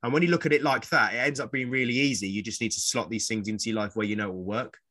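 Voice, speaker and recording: A fitness trainer in his forties chats casually on a podcast, rambling, repeating words and acting out quoted voices. His mid-range voice is steady and sharp, and he talks very fast.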